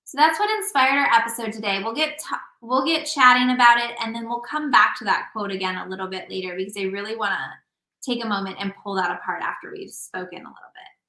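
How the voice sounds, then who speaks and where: A woman hosts a relationship podcast as an intimacy coach, guiding the conversation casually though a little scattered. Her voice is slightly high, fast, and sharp, recorded in an echoey room.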